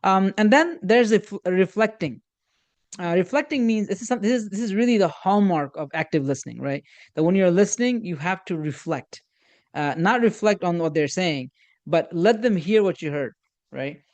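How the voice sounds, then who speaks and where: A man with a slightly raised pitch teaches communication skills in a loose workshop style. He stumbles and restarts often, filling gaps with "um" and "you know." He acts out sample conversations and weaves in Islamic religious phrases. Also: lively intonation. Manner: halting, many repeated starts and fillers; uses Islamic religious phrases and Arabic quotes. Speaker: instructor on communication. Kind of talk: informal workshop lecture.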